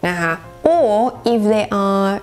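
Young thai woman doing a chill english lesson, friendly and chatty, mid pitch. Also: very slow, faint music behind. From Thailand. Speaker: English teacher. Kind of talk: casual language lesson.

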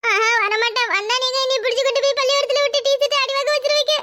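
Squeaky little cartoon schoolboy, kanyakumari accent, whiny and pleading, fast. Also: female voice, steady tone, sharp tone. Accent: Kanyakumari Tamil. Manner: pleading, fretful. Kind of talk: cartoon voice acting.

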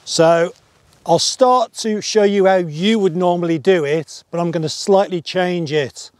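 A middle-aged man giving a relaxed paragliding lesson step by step on an open hillside, wearing a clip-on mic. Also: sits high, a little slow, dry recording. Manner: relaxed, chatty, explains step by step. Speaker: paragliding instructor. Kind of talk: outdoor tutorial. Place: open grassy hillside outdoors.

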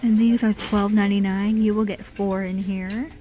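A woman's voice: medium pitch, flat delivery, moderate pace, dark tone. A middle-aged woman narrating a casual shop-with-me vlog in a department store, reading out product names and prices as she browses. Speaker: shopping vlogger. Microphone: handheld phone camera.

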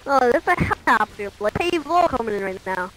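A woman talks through a video game in a casual, excitable way. Her voice sits fairly high and swings widely in pitch as she calls out what happens on screen. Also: a little fast, rough recording. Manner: excitable, chatty, prone to shouting out. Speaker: gaming commentator. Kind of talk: casual gameplay commentary.

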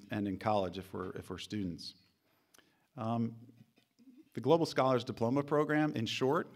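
A man in his forties, a council president, opening a conference panel from a podium mic on a hall stage, relaxed and joking with the audience. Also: medium pitch. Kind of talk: conference introduction.

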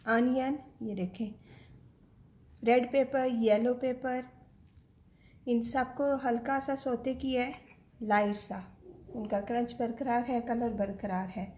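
Woman, home cooking host, fairly high voice, chatty step-by-step talk to viewers with English words mixed in. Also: warm tone. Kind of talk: step-by-step recipe demonstration.

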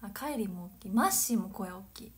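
A woman in her twenties from Nagano, chatting casually on a livestream, giggling and drifting into soft whispered asides. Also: medium pitch, lively intonation, quick pace. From Nagano, Japan. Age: 20s. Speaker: livestream host. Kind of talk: casual chat reading viewer comments.

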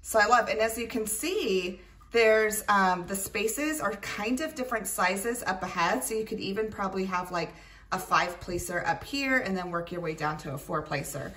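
A woman's voice: mid-range voice, animated, normal speed, fairly bright tone. A woman giving a casual, chatty product demonstration at a tabletop while handling small clicking items. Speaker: craft product reviewer. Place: indoors at a tabletop, roomy. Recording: roomy, distant mic, faint noise, clicking. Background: clicks and rattles of handled items.

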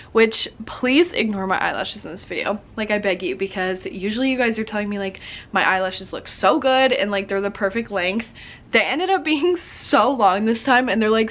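A young woman in her twenties, a beauty vlogger, chats casually to a close-framed camera as she does her makeup in her bedroom. Her mid-range voice is a bit bright but slightly congested from a sore throat. It's a get-ready-with-me talk full of "like" fillers.

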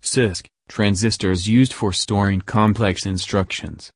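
A man with a lowish voice reads a scripted educational explainer in a measured, even way. The sound is dry and close, with no room around it. He takes list items slowly and deliberately. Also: breathy edge, no room sound. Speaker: narrator.

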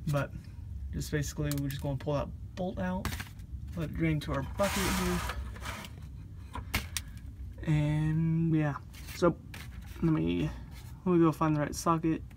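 A man's voice: fairly high pitch, steady tone, a little slow, long pauses. A man casually talking through a car repair step by step, rambling and thinking aloud with lots of ums, filmed on a handheld phone. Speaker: DIY car vlogger. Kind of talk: casual how-to narration. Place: in a moving car, then outdoors beside it at night. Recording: loud road and engine noise.

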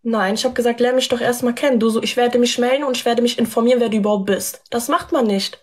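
A woman with a husky voice in a heated argument, indignant and quick to talk over others. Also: fairly high pitch, steady tone. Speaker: streamer in a live dispute.

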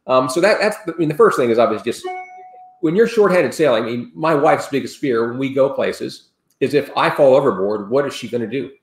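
A sailing expert in his sixties, calling in via webcam from indoors at home, explains safety steps in an earnest, rambling way full of restarts. His medium-pitched voice is expressive and a little fast, and the video call sound is roomy.

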